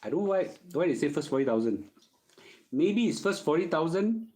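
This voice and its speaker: A man's voice: on the high side, big pitch swings, brisk, darkish tone, low-quality recording. A middle-aged man with a Singaporean accent chats casually as a host answering questions, using colloquial Singlish phrasing and often checking in with "okay?". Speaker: host giving personal finance advice.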